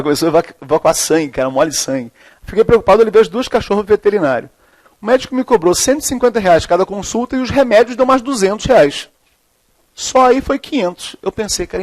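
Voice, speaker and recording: Fast-talking high-voiced Brazilian teacher. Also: male voice. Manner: joking storyteller, then quizzing the class. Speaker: chemistry teacher. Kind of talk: classroom lecture with jokes. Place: classroom.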